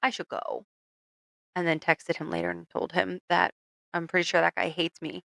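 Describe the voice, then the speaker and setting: Woman, young adult, low voice, animated storytelling, dry close sound. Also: moderate pace, creaky, no echo. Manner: animated, acts out quoted voices with laughs. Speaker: podcast co-host. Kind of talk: casual chat, storytelling.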